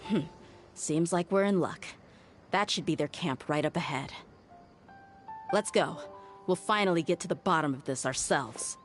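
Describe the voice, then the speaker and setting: A woman's voice: deep voice, moderate pace, long pauses, lightly acted. An actress playing a stern, determined young woman investigator in a video game, blunt and commanding. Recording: music under the voice.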